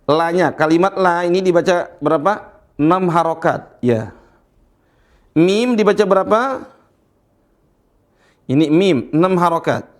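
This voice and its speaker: A man teaching Quran recitation in a slow lesson, patiently repeating letters and checking that his students follow. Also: fairly high pitch. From Indonesia.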